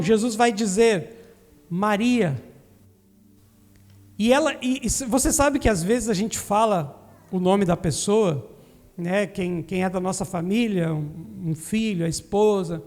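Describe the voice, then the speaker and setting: High-voiced pastor preaching in a reverberant church. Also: male voice. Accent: Brazilian Portuguese, southern Brazil. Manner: earnest preaching with call-and-response questions to the congregation. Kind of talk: sermon. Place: church sanctuary. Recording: long hall reverb in a church.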